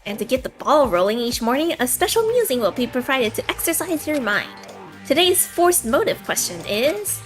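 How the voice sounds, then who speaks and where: Woman playing a mocking death-game announcer, high voice, swooping lively delivery, theatrical hype, taunting cheer, visual novel style. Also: normal speed, faint music behind. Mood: teasing. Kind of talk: fan visual novel read-aloud.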